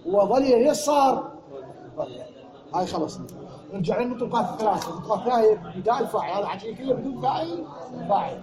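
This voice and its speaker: An Iraqi-accented man leads a grammar lesson in a very high voice, firing repeated questions at his class. The classroom is echoey, and the students can be heard clearly behind him. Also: sing-song, quick pace, crowd noise. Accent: Iraqi Arabic. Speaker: teacher. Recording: echoey room, class audible.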